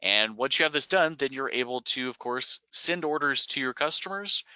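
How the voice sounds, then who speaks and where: A man from a software company walking through product features in a webinar, explaining in a relaxed way with frequent "uh" and "um" fillers. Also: mid-range voice, moderate pace, smooth, no echo, poor audio. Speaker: software company staff presenting product updates. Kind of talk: webinar screen-share walkthrough.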